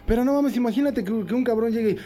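A man co-hosting a podcast, full of slang and crude jokes. His voice is high-pitched but soft and mellow. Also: racing. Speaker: podcast co-host. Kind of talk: casual podcast banter.

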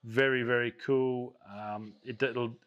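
A man's voice: mid-range voice, fairly even intonation, slow, clean tone, muffled recording. A man, out of breath and chatty, talking enthusiastically about camera news in his daily vlog. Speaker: vlogger.

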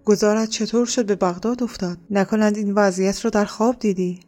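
A woman reading a gentle, kindly older man who heads a dervish lodge. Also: mid-range voice, fairly even intonation, lightly acted. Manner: gentle, kind.

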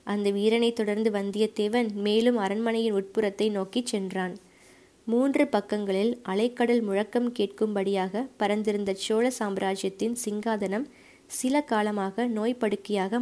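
A woman reading a historical novel aloud as an audiobook narrator, in a measured storytelling manner. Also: mid-range voice, warm tone.

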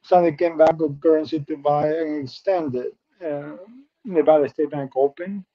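Speaking at a normal speed with a steady tone and fairly high pitch, this middle-aged man from Peru shares his life story as a guest in an interview. He's a native Spanish speaker with a Peruvian accent, earnest but prone to restarts and repeated words, and the recording sounds muffled and lo-fi.

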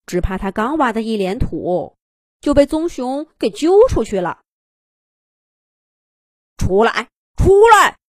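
Storyteller, woman, expressive children's narration, slightly high voice, dry close recording. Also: normal speed, no room sound.

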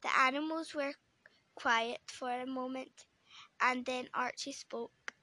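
A woman reading a children's story aloud, gentle and unhurried, with small slips. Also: sits high, fairly even intonation, dry recording.

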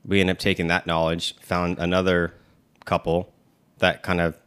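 A man with a very deep voice talking in a level, unvaried way. He co-hosts a relaxed chat and rambles, stopping and restarting his sentences with lots of "um" and "like." He sounds like he's in his thirties. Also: normal speed, clean tone. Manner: rambling, many fillers and restarts. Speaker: podcast co-host. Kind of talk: casual chat.

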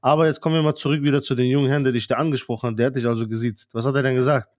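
A man's voice: medium pitch, steady tone, rapid-fire, a little mellow, dry recording, studio quality. A man co-hosting a podcast, telling a story earnestly and unhurriedly in casual chat. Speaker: podcast co-host.

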